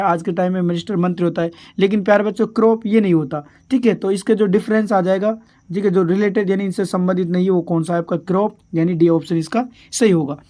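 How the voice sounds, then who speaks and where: Male teacher doing exam revision, asks "what is it" then answers himself, keeps saying dear children, drags english words out slow. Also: sits high, darkish tone. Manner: keeps asking and answering his own questions; addresses pupils as dear children.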